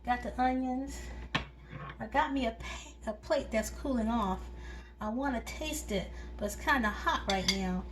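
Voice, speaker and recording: A woman hosts a home cooking channel, chatting in a homely way as she talks viewers through each step in her kitchen. Her voice is a little high and unhurried in this casual cooking demonstration.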